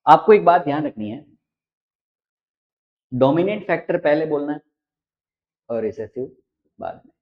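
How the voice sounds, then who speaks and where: Slow-talking teacher on a tinny line. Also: male voice, fairly high pitch. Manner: playful, teasing the class, prompts students to answer; recites allele letters in a rhythmic chant. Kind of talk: classroom lecture. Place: classroom with students. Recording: tinny phone-like sound.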